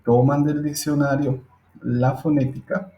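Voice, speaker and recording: A man's voice: fairly high pitch, level tone, a little slow, lo-fi sound. A man teaching a step-by-step lesson, patiently explaining and often checking in with his listeners. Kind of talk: screen-recorded English phonetics lesson. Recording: roomy echo.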